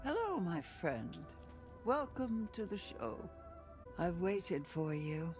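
A woman's voice: on the low side, sing-song, takes it slowly. An older woman playing an eerie old fortune-teller in a video game, with a grandmotherly voice, speaking theatrically and beckoningly. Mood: eerie, inviting. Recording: game audio under loud music.

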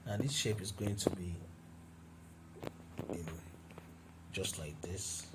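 Slow and low-pitched, a man walks through a graphic design tutorial on screen, narrating each step as he works with fillers and restarts. It's a screen-recorded software tutorial with heavy background noise.

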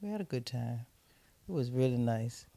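Female podcast co-host, relaxed chat, gravelly tone. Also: extremely low pitch, normal speed. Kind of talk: casual podcast banter.

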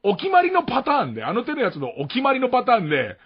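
A man's voice: very high voice, huge pitch swings, racing, slightly rough. A man from Tokyo with a Tokyo accent hosting a late-night radio show, rambling through a casual, self-mocking monologue with frequent chuckles. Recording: muffled mono radio archive.

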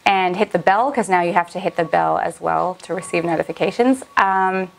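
A woman's voice: on the low side, moderate pace, creaky, slight background noise. Young woman chatting about an app, bubbly and easygoing, lots of ums. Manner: upbeat and chatty, with frequent fillers. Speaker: language-learning vlogger. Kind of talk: casual app review chat.

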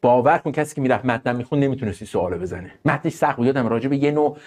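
A man's voice: mid-range voice, darkish tone. A man teaching an online exam-prep English class, speaking animatedly to his students and the live chat.

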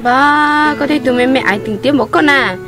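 A woman's voice: high voice, moderate pace, music in the background, close to an everyday voice. A woman acting in an amateur drama, pleading and exclaiming as she speaks.

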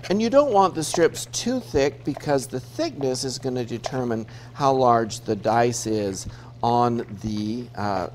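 A TV cooking show host in his fifties from Utah chats through each step as he cooks in a studio kitchen for a cooking demonstration. His voice is mid-range, with slight background noise.

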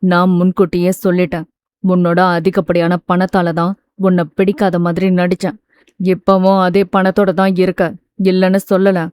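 A woman voicing an intense, stern young man in a romance audiobook, speaking low and pressing. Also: flat delivery, moderate pace, darkish tone, smooth, no echo, lightly acted. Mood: earnest.

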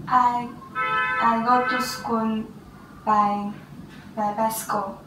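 A teenage girl with a Vietnamese accent taking an English speaking test, halting and hesitant with restarts. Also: fairly high pitch, level tone, over music. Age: teens. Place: small classroom office, indoors. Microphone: far camera. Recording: roomy, distant camera sound.

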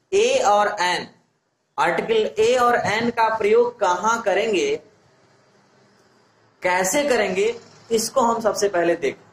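A man teaching an English grammar lesson, patiently asking questions and answering them himself. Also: high-pitched. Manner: slow, patient, asks and answers own questions. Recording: echoey room.

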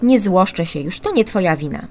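A woman's voice: lowish voice, lively intonation, a little fast, warm tone, a little hiss or hum, lightly acted. A woman voicing a sulky eleven-year-old girl in a storybook reading, grumbling over a broken flute. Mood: softened.

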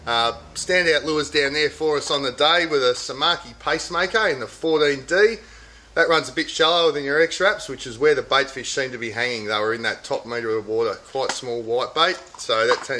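Bright-voiced Australian tackle shop host. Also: male voice, medium pitch. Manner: chatty, upbeat salesman patter. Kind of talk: casual product and fishing report. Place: inside a large tackle shop. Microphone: camera at close range.

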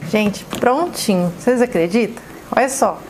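A woman's voice: fairly high pitch, animated, unhurried, darkish tone, a little hiss or hum. A woman with a Brazilian Portuguese accent hosting a chatty cooking demonstration in a kitchen, effusive and exclamatory, fondly addressing her viewers. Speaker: cooking show host.

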